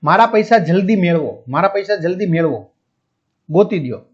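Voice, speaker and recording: A man voicing an impatient male tourist who shouts and demands in exasperation, read out in a lesson. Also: sits high, lively intonation, moderate pace. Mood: angry. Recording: dull lo-fi audio.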